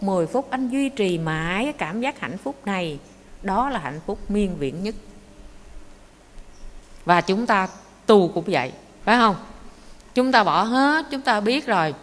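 Nun telling a dharma story, lively, keeps asking the crowd questions, big hall reverb. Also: female voice, mid-range voice, slow, pauses often. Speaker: Buddhist nun teacher. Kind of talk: dharma talk. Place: meditation monastery hall. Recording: echoey hall with faint noise.

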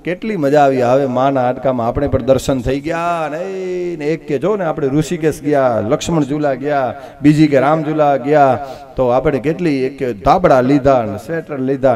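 A man with a Kutchi Gujarati accent telling a religious story at a live katha, acting out the characters with sudden jumps in pitch. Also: a little mellow. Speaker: Bhagavat katha preacher.

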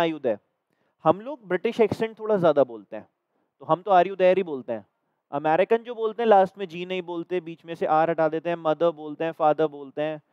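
A man's voice: sits high, dry recording. A man with a Hindi accent teaching a reasoning class, explaining exam questions step by step and checking that his students follow. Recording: dry, slightly dull recording.

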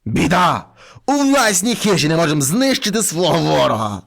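A man's voice: high-pitched, lively intonation, normal speed, a bit bright. A man voicing a fierce, menacing male bear in a read-aloud fairy tale. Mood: gloating.

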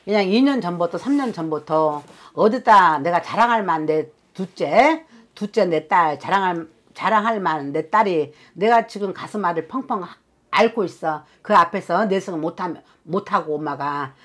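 A woman's voice: lowish voice, expressive, moderate pace, fairly bright tone. A woman fortune-teller giving a reading to clients, talking emphatically and scolding, often tagging her phrases with a questioning "eh?". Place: fortune-teller's consultation room.

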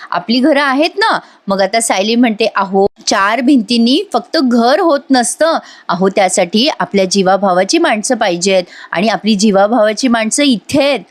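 A woman, chatting to viewers as she recaps a TV serial episode and acts out the lines. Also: a little high.

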